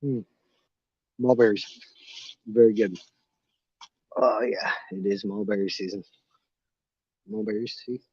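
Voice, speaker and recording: Man, casual garden live stream, relaxed and rambling, muffled phone audio, dry sound. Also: fairly low pitch, slow, pauses often, breathy edge, dry recording. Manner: relaxed, rambling, chews fruit while talking. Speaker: gardening channel host. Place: outdoors in a home garden. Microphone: phone held in hand.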